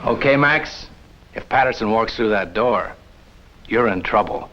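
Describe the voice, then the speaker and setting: An actor playing an honest, crusading male reporter who talks in a brisk, confident, pressing way, in a 1950s TV drama. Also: lowish voice, lively intonation, dull audio, very noisy.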